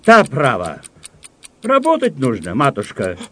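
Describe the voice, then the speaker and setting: Man reading a growling sardonic count, mid-pitched, storybook comedy. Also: huge pitch swings, unhurried, sharp tone, exaggerated voice. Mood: gruff. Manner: sardonic, growling, then coarse. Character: gloomy, gruff aging count, forty years titled. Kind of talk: comic audiobook reading.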